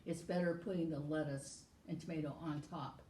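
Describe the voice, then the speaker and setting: A woman's voice: low voice, steady tone, brisk, mellow, far from the mic. A woman hosting a casual cooking livestream, talking about her recipe with dry, teasing humor. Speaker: cooking show host. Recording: echoey room, voice a little off-mic, faint noise.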